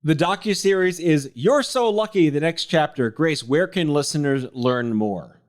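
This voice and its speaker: A man's voice: a little high, lively intonation, moderate pace. Upbeat male podcast host. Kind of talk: casual interview talk.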